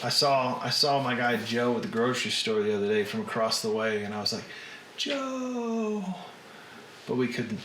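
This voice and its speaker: A man with a Southern US accent chatting casually to livestream viewers as host, in an unhurried drawl with drawn-out words. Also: fairly low pitch, flat delivery. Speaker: host of a live reading stream. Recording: roomy echo, faint background noise.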